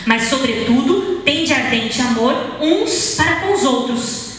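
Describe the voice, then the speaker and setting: A woman preaches to her congregation with an animated delivery, reading scripture as if telling a story. Her voice is high and sounds distant from the microphone. The church hall around her has a long, heavy reverb. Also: slow pace, a little hiss or hum. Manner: animated, shifts pitch to act out quoted speakers. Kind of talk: sermon with expressive scripture reading. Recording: echoey hall, voice from far off.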